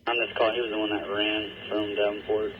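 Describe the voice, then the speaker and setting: A man's voice: lowish voice, level tone, a little fast. A man, a police officer, speaking in terse, clipped radio codes, heard over a police radio scanner. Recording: hissy, tinny two-way radio transmission.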